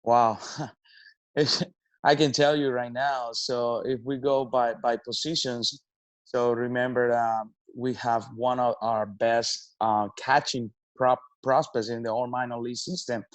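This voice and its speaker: A man, a baseball manager answering interview questions in halting speech, with many restarts and fillers. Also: medium pitch, level tone, dry recording. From Venezuela. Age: 30s.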